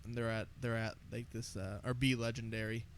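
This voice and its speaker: A man's voice: mid-range voice, flat delivery, a little fast, clean tone. A young American man chatting casually and telling stories in a boisterous, sweary frat-bro way as a podcast co-host. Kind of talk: casual chat, storytelling.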